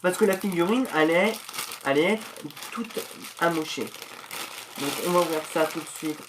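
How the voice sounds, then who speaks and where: A host giving casual unboxing commentary in a chatty, slangy way with many hesitations, getting excited while opening the package. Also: medium pitch, normal speed, noisy background.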